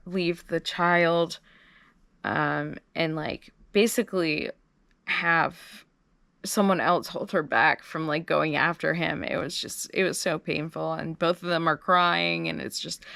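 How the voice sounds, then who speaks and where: A woman reviews a film in a loose, heartfelt ramble, stumbling over her words. Her voice sits low with a gravelly edge, and she takes her time. The sound is dry and close. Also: a bit bright, no room sound. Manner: heartfelt, rambling, full of fillers and restarts. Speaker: host of a horror film review channel. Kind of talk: casual spoken film review.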